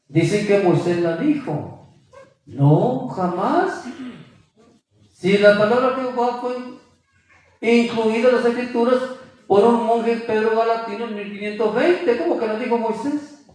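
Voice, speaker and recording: A man's voice: high-pitched, a little slow, a little mellow, recorded from a distance. A man preaching a sermon with emphasis, quizzing his listeners with rhetorical questions. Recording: very echoey room, voice from afar.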